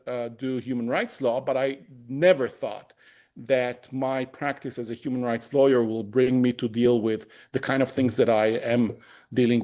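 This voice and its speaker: A native Hebrew speaker from Israel, a man in his fifties, appears as a guest in a conversational interview; he is a human rights lawyer. His medium-pitched voice is a little mellow, and he sounds hesitant, pausing often with many fillers and restarts.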